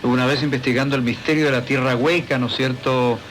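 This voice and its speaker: A man's voice: mid-range voice, steady tone, fast talker, fairly bright tone, slight background noise, low-quality recording. A man hosting a radio talk show, interviewing a guest in a rambling, conversational way with many asides. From Chile.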